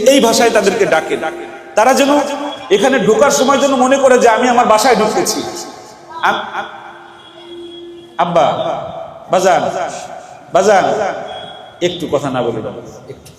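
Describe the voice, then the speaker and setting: A man giving an impassioned sermon as a madrasa teacher, calling on the audience to answer back. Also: high-pitched. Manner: impassioned, calls for audience responses. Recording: echoey hall with crowd.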